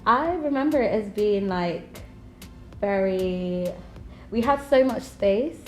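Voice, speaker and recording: A woman's voice: medium pitch, lively intonation, roomy sound, soft background music. A young woman who grew up in Nigeria, speaking shyly in a casual group interview. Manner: shy, slow and giggly.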